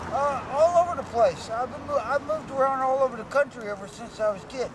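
Terse middle-aged man on a street. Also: very high voice. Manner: terse, halting replies. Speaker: interviewee. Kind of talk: street interview answers. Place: city sidewalk outdoors, sitting against a wall. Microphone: handheld camera mic from a few feet. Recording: distant outdoor street recording with traffic. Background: street traffic.

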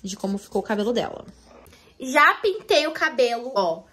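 A woman's voice: fairly high pitch, moderate pace. A young woman chatting to viewers while filming her family at home on a phone. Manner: lively, chatty, talks to viewers. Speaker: vlogger mother. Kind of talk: family vlog chat. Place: home indoors. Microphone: phone camera.

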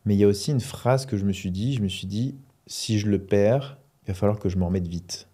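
Podcast co-host, male, deep mellow tone, loose rambling delivery. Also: brisk, breathy edge. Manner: relaxed, rambling with many fillers. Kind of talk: casual podcast chat.

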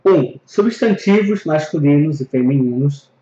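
A man with a slightly high voice explains grammar patiently, going back over each term. The recording sounds dull and lo-fi, with a roomy echo around him. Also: expressive, a little slow, warm tone. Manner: patient, explanatory, repeats and reviews terms. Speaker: Greek language teacher. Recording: echoey, dull lo-fi room recording.

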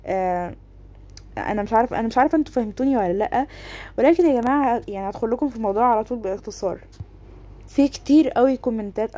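A woman's voice: fairly high pitch, dark tone. A woman with an Egyptian Arabic accent, speaking to her followers in a casual, defensive vlog and often checking that they follow her. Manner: rapid, defensive, keeps asking "okay?". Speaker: gaming content creator.

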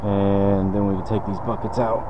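A man's voice: fairly low pitch, little pitch movement, moderate pace, dull audio, heavy background noise. A man, casually explaining a car detailing task as he works. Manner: laid-back, talks while working. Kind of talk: casual how-to demonstration. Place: detailing shop.

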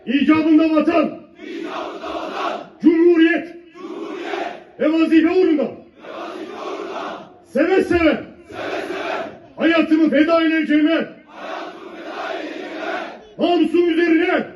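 A military officer shouting commands and leading a formal oath at a ceremony, in slow drawn-out phrases. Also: male voice, very high-pitched, fairly even intonation, crowd noise, background noise. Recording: echoey, distant, dull outdoor ceremony recording.

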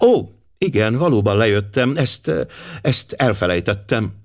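A man's voice: fairly low pitch, big pitch swings. A man voicing a nervous young English noblewoman who speaks hesitantly. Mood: flustered. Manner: hesitant, flustered.

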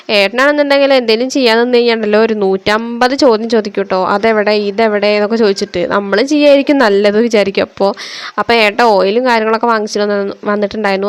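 A woman's voice: medium pitch, clean tone. A young woman from Kerala in India narrating her family vlog as a voice-over recorded at home, in a chatty, homely way. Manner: chatty, homely, reassuring tag endings. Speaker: family vlogger.

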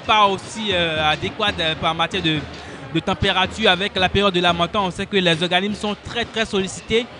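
Guy doing animated soccer analysis live, high sharp voice, kinda halting, repeats words. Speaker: football co-commentator, analyst.

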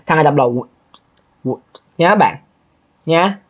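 A man's voice: on the high side, brisk, dull audio. A male English teacher, going over an exam in a chatty way and often checking that listeners follow. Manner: chatty, keeps asking listeners to confirm. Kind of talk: exam review lesson.

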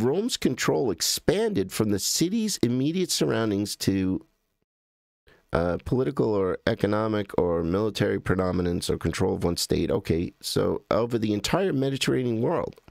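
Rambling gravelly-voiced American livestream host. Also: male voice, fairly low pitch, big pitch swings, normal speed, dry recording, studio quality. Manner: rambling, self-correcting, thinking aloud while clicking through images. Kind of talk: casual livestream commentary.

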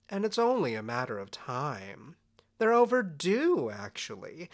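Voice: medium pitch, a bit bright. An actor playing Puck's part as a scheming, flamboyant fairy, charming and smug, in a conversational audio drama. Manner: theatrical, sly, emphatic.

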